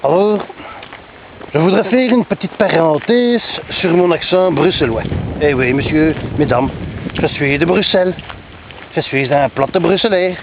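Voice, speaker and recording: A man's voice: a little high, a little slow, pitched above the performer's own voice. A man putting on a thick Brussels accent. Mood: playful. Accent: thick Brussels French. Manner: exaggerated, playful, chatty asides. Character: broad-accented Brussels man, jokey, self-mocking. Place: outdoors on a country walk. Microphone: handheld camera. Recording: dull outdoor camera audio, wind noise.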